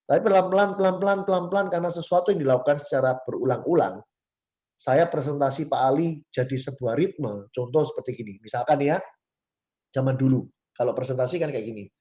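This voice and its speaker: A man in his forties from Surabaya shares his life story with viewers. His voice is mellow and warm, and he talks quickly and chattily. He stresses key words with sharp rises and keeps speaking to his listeners directly. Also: mid-range voice. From Surabaya, Indonesia. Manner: self-described fast, chatty talker. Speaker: motivational speaker. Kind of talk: personal story talk to viewers.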